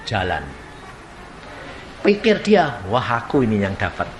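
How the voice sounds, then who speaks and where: A man preaching a sermon, telling stories with acted-out voices, shouts and laughter. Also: on the low side, slow pace, faint music behind. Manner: animated storytelling, acts out voices, shouts and laughs.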